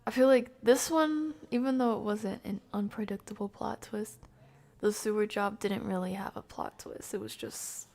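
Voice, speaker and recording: Steady in tone and moderate in pace, this medium-pitched woman banters informally with her live viewers while hosting a game stream. She's playful and slangy, and her voice turns creaky often and soft now and then.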